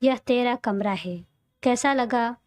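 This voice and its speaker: A woman's voice: fairly high pitch, slow pace, darkish tone, dry recording, studio quality. A woman reading a teasing young man. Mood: friendly. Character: cheerful teasing young man, a loyal friend.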